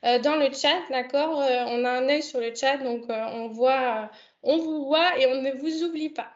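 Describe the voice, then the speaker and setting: High-voiced woman hosting a video call. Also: normal speed, highs cut off. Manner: hesitant, many fillers. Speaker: online event host. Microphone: computer mic on a video call.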